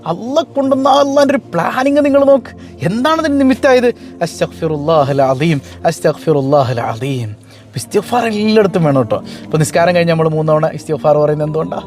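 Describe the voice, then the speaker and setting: A man preaching fervently, telling stories and jumping his pitch often. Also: rapid-fire. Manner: fervent, animated storytelling with frequent pitch leaps. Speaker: Islamic preacher. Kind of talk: sermon with told stories.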